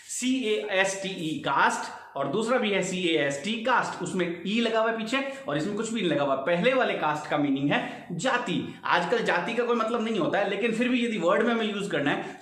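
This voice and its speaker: This is a man who teaches to Hindi speakers. His voice sits fairly high, and he explains slowly, spelling each word out letter by letter. The sound bounces around a roomy, echoey space. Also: fairly bright tone. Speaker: English teacher. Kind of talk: Hindi-English vocabulary lesson.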